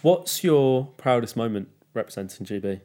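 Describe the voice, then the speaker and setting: A man's voice: medium pitch, lively intonation, moderate pace, warm tone, slight background noise. A man co-hosting a casual podcast, putting in short joking remarks. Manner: joking, brief interjections. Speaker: podcast co-host. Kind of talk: casual chat.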